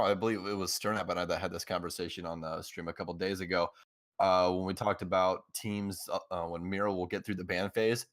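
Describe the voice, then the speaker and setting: A man's voice: low voice, fairly bright tone, no room sound. A man co-casting a live esports final, enthusiastic and a bit rambling with lots of "uh"s. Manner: enthusiastic, rambling, filler-heavy. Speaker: esports co-caster.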